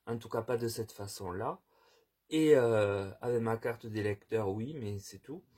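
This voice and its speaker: A man's voice: measured pace, husky. A man reading tarot cards in a casual, hesitant way, with many fillers and restarts, and giving earnest advice. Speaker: tarot reader. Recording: quiet, low-level voice.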